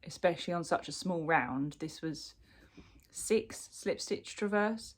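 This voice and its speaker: Unhurried and fairly low in pitch, a British woman chats informally about her crochet work-in-progress. Congested from a cold, she speaks with plenty of ums and restarts throughout this relaxed show-and-tell.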